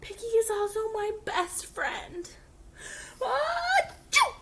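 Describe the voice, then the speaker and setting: A woman's voice: very high-pitched, pitched above the performer's own voice. A woman voicing a worried male elephant who keeps sneezing, reading a picture book aloud. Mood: fretful. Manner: fretful, halting, sneezy.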